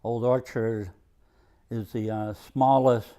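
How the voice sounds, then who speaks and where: An older man with a Maine accent tells his oral history in a soft-edged, mellow voice. His delivery is very even and slow, with halting pauses. He sounds plainspoken and understated throughout. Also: mid-range voice, gravelly. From Maine, USA. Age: over 65. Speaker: retired mill worker and museum volunteer. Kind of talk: oral history interview, reminiscing.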